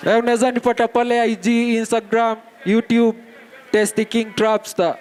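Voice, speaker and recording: Kenyan male performer, very high voice, casual stage shout-out in long reverb. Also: level tone, moderate pace, smooth. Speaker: performer introducing himself.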